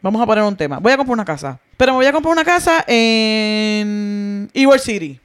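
A woman's voice: mid-range voice, lively intonation, brisk. A woman co-hosting a podcast in casual chat, who talks through examples and questions things. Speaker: podcast co-host.

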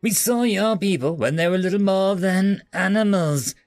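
A man's voice: sits high, normal speed, darkish tone, dry recording, pitched above the performer's own voice, lightly acted. A man voicing a proud, contemptuous male alien prisoner who speaks with disdain. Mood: scornful. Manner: haughty, disdainful.

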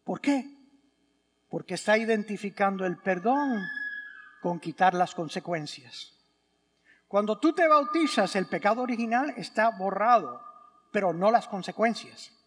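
A priest preaches a sermon at a very slow, deliberate pace, firing off rhetorical questions and repeating words to drive them home. His voice sits very high, and it carries through a large church with long reverb. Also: expressive.

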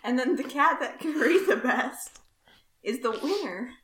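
A woman co-hosting a gaming podcast, pitching silly ideas in a playful deadpan way. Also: a little slow. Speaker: podcast co-host. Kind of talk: casual chat. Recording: echoey room with faint noise.

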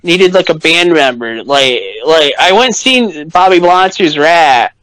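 A man's voice: fairly high pitch, lively intonation, measured pace, a bit bright, no echo, poor audio. A man guesting on a podcast, chatting casually about rock bands and rambling with lots of "like" and restarts.

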